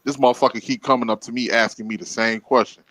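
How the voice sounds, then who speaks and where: A man casually telling stories about his trucking work, animated and getting loud when he acts out confrontations. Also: medium pitch, fast talker, dry recording, low-quality recording. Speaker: podcast co-host. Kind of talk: casual storytelling.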